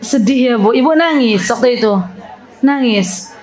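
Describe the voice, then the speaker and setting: Lively high-voiced female religious teacher. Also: measured pace, some chatter behind, low-quality recording. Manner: lively, teasing, laughs often, questions audience. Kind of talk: interactive religious talk with audience.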